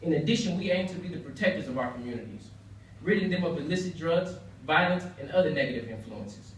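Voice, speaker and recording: A man's voice: a little high, lively intonation, fast talker, a bit bright. A young American man delivers a prepared persuasive speech in an earnest, emphatic manner, leaning on rhetorical repetition. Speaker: speaker at a banquet. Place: indoor banquet room, heard from far off. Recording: very echoey room, distant mic, faint noise.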